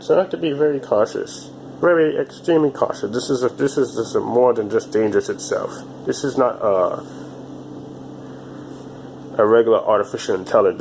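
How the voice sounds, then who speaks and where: A man in his twenties talking alone to his channel in a halting, repetitive way, often restarting his phrases. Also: lowish voice, vocal fry, noisy background. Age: 20s. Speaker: vlogger. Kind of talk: casual monologue to camera.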